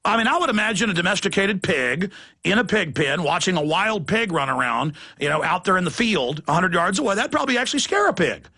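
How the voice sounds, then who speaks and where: Man, radio host, heated monologue, bright, raspy voice. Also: high voice, animated, fairly quick. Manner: heated, indignant, slips into mocking voices. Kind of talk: ranting talk-show monologue.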